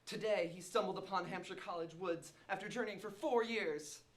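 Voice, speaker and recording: A man's voice: high-pitched, moderate pace, a bit bright. A young man hosting a campus show, reading a silly scripted story in a mock-dramatic way. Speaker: show host. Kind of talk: reading a scripted comic tale.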